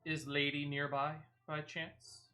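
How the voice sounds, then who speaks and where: His voice sits a little high, sounds bright and forceful, yet comes out flat and a little slow. A game streamer, he casually walks viewers through his moves one step at a time and shares tips while playing.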